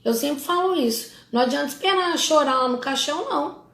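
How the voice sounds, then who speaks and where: A woman's voice: sits high, animated, brisk, fairly bright tone, echoey room. A middle-aged woman with a Brazilian Portuguese accent, a family constellation therapist talking casually and directly to her followers, scolding them with informal asides.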